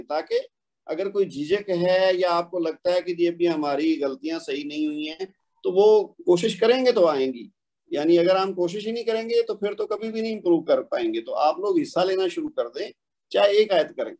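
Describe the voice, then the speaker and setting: A man teaching an online Quran recitation class, patiently explaining pronunciation and slowly demonstrating stretched syllables over a video call. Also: sits high, warm tone. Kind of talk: online tajweed class instruction.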